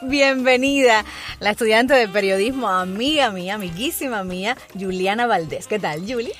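Una mujer copresentadora con acento cubano, animada y risueña. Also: female voice, medium pitch, moderate pace, faint music behind. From Cuba. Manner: lively, laughs often. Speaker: co-host, journalism student. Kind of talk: talk show chat.

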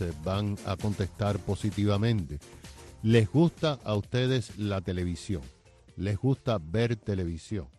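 An older man hosting a radio interview show, talking slowly with many fillers and pauses. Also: fairly low pitch, dark tone, dry recording. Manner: slow, hesitant, with many fillers.

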